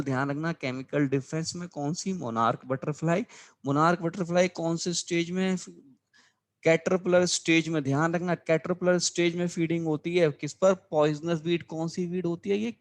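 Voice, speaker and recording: Male biology teacher drilling exam points. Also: a little high. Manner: repeats key terms, checks understanding with "clear?"; addresses students as children, frequent reminders to remember. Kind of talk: exam-prep lesson explaining class notes.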